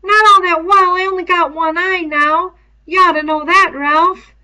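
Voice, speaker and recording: Woman doing a shrill, insistent schoolboy. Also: fairly even intonation, unhurried, bright, forceful tone, full character voice. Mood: wounded. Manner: insistent, ungrammatical boyish speech. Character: anxious, stubborn, defensive schoolboy in denial. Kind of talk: storybook read-aloud character voice.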